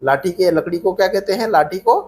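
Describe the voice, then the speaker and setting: A man's voice: high-pitched, expressive, a little fast, darkish tone, a little hiss or hum. A man teaching an Arabic grammar class, patiently repeating questions and prompting students to answer back. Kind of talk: classroom grammar lesson with call-and-response drilling.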